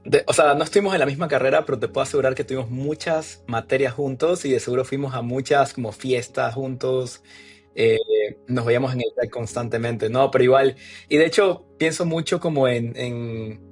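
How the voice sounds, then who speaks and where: A man in his thirties from Ecuador, a podcast guest telling his story in relaxed casual conversation with frequent fillers. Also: medium pitch, fairly quick, breathy edge, soft background music.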